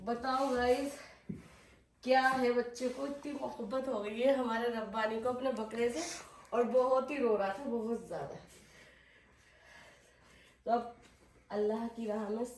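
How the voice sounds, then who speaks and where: A woman's voice: fairly high pitch, measured pace, pauses often, darkish tone, slight background noise. A woman with a cold chatting casually in a home vlog, talking to her children and viewers. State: has a cold. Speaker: vlogger and mother. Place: home indoors.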